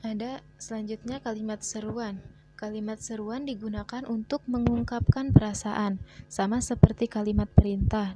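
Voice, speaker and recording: A woman teacher, reading a grammar lesson in a measured way and slowing down for example sentences. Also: medium pitch, dark tone, muffled recording. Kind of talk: scripted grammar lesson narration.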